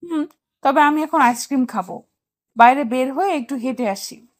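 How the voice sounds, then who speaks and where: A woman plays a clingy young wife in a romantic audio drama, high-pitched and bossy. She teases and makes demands in a playful, everyday voice. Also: normal speed, no echo, clean studio sound. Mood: demanding. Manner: demanding, teasing.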